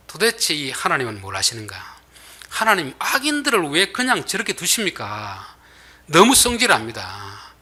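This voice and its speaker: A man preaching a sermon as pastor, dramatic, swinging between loud emphatic bursts and soft near-whispers. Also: mid-range voice, slightly rough.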